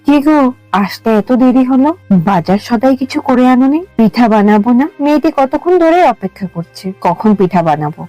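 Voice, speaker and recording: A woman's voice: a little high, lively intonation, fairly quick, dark tone, no echo, soft background music, lightly acted. A woman playing a fretful village wife.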